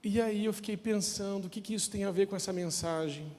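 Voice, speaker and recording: A male pastor preaching a sermon, telling a childhood story with acted dialogue before turning slow and earnest. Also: sits high, darkish tone. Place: church. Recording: long church reverb.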